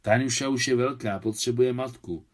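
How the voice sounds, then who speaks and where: A man reading aloud and voicing a composed middle-aged woman who speaks with gentle insistence. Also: medium pitch, close to an everyday voice.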